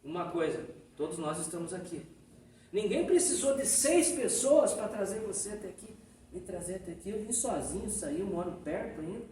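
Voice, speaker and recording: A man with a Brazilian accent giving a Spiritist lecture, telling stories in a lively, folksy way and often tagging his sentences with a question. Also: high voice, moderate pace. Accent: Brazilian Portuguese. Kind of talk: storytelling lecture. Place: Spiritist society hall. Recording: echoey hall, distant mic, faint noise.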